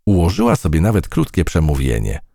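A man narrating a children's audiobook in an expressive storytelling manner. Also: deep voice, a little fast, dry recording, studio quality.

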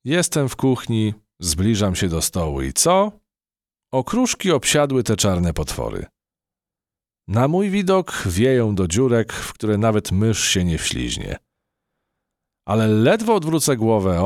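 A man's voice: on the low side, wildly swooping pitch, a little slow, darkish tone, no room sound, exaggerated voice. Brief: man playing a fed-up dad mouse complaining, dry close recording, storybook. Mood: exasperated. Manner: complaining, exasperated. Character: grumbling middle-aged father mouse.

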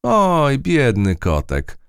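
A man's voice: deep voice, huge pitch swings, measured pace, a little mellow, dry recording, studio quality, voice pushed up, full character voice. A man voicing a tough, one-eyed female field mouse in a storybook reading, brash and scolding. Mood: bossy, mocking.

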